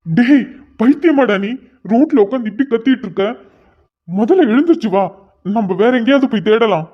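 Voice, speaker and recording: A blunt caring young friend. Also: male voice, very high-pitched, lively intonation, normal speed, muffled recording. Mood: urgent. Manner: firm, urging. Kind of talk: cartoon voice acting.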